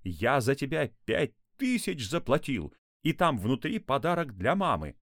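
A man's voice: on the low side, big pitch swings, slow pace, no echo, clean studio sound. Man playing a boastful, flustered dad. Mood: shouting. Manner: boastful, then shouting orders. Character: flustered proud middle-aged dad.

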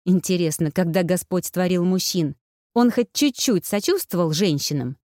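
A bitter, sardonic young witch lawyer, her words clipped and dry, read by a woman narrator. The voice sits low and close, with no room sound around it. It stays within a storybook reading. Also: normal speed, a little mellow, no echo, lightly acted. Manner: sardonic, growling when angry.

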